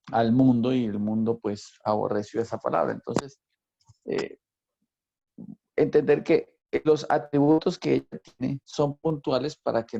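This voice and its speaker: Teaching a Bible lesson, this man uses a warm, creaky mid-range voice, echoing key phrases for emphasis and putting questions to his class. The recording is muffled.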